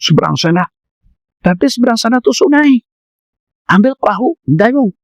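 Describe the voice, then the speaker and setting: A man's voice: very high-pitched, normal speed, no room sound, muffled recording. A man with a Malaysian Malay accent giving a mosque lecture, telling stories animatedly and acting out the voices. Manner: animated storytelling, acts out voices. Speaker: preacher.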